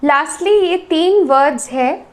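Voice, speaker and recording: A woman with an Indian accent teaching English pronunciation, repeating each word slowly and drawing out its syllables. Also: high voice. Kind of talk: slow, deliberate pronunciation lesson.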